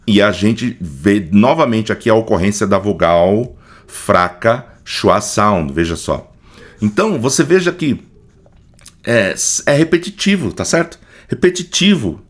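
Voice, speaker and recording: A man teaching English pronunciation, patiently repeating words and checking in with his listeners. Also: on the low side. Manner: models words slowly and in a drawn-out way. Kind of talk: screen-share phonetics lesson.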